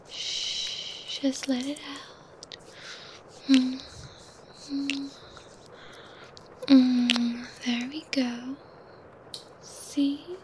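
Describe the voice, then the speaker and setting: A woman performing an intimate ASMR roleplay, talking in a soft, breathy whisper with quiet laughs. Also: high voice, slight background noise, rough recording.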